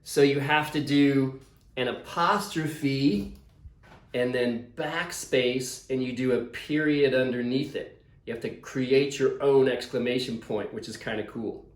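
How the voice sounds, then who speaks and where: Speaking at a measured pace in a medium-pitched voice, a man addresses schoolchildren as a visiting author. The video call carries a lot of room echo. His explanations are relaxed and eager.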